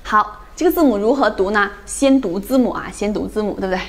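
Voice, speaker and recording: A woman teaching an English phonics lesson, drilling each sound slowly and often checking with her students. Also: medium pitch.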